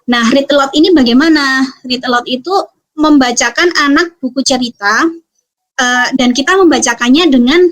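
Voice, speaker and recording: A woman giving a parenting webinar talk, explaining calmly with frequent fillers and tag questions. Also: high voice, moderate pace. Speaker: parenting speaker.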